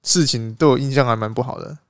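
A man's voice: medium pitch, fast talker, no room sound, studio quality, soft background music. A man with a Taiwanese Mandarin accent, co-hosting a casual chat show, telling stories with frequent laughs and casual swearing. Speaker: podcast co-host.

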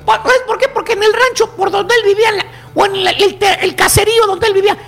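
Man, Mexican accent, radio host, very high pitch, faint music behind. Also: steady tone, fast talker, creaky. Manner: rowdy, mocking, often shouting. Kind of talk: comedic radio monologue.

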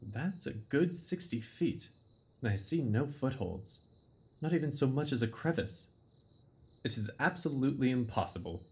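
An actor playing an earnest, puzzled Victorian doctor in an audio drama, with a questioning manner. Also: male voice, medium pitch, lively intonation, moderate pace, darkish tone, natural voice. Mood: baffled. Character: earnest, puzzled male Victorian doctor, loyal detective's companion.

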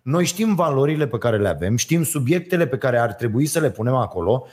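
A man's voice: medium pitch, sing-song, a little mellow. A man hosting a casual chat, hesitant and full of fillers. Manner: hesitant, many fillers and affirmations. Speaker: host.

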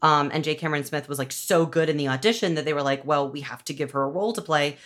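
A woman with a low, fast, slightly bright voice, a podcast interviewer and showrunner, discusses storytelling in a casual yet analytical way. Her tone is informal and wry, and she sprinkles "like" throughout.

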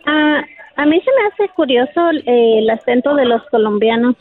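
A woman's voice: fairly high pitch, moderate pace, narrow, tinny audio. A woman from Veracruz calling into a radio show, answering shyly and hesitantly. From Veracruz, Mexico. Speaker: caller.

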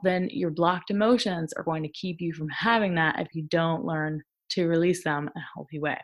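A woman hosting a podcast, giving frank, chatty advice on relationships with casual swearing and rhetorical asides. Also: on the low side. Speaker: podcast host, intimacy coach.

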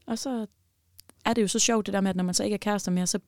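A woman telling a personal story in casual podcast chat, animated and swinging between loud bursts and near-whispers. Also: medium pitch, dry recording, clean studio sound.

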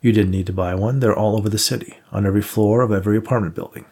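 A man's voice: lowish voice, steady tone, rapid-fire, darkish tone, husky. A man voicing a determined, injured male detective in an audiobook.

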